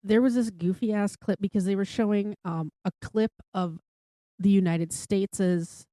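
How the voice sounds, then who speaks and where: A woman's voice: mid-range voice, fairly even intonation, moderate pace, dark tone, no echo. A woman co-hosting a podcast in casual chat, swearing freely and saying "like" a lot. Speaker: podcast co-host.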